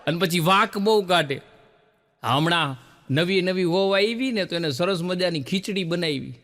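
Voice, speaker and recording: A man with a Gujarati accent tells comic stories on stage, his voice pitched high for a man. He jumps into the voices of the people in his jokes, then drops back to narrating. The sound carries a long hall reverb. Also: normal speed. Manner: animated storyteller acting out quoted characters. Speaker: stand-up comedian. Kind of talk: Gujarati joke telling to a laughing audience.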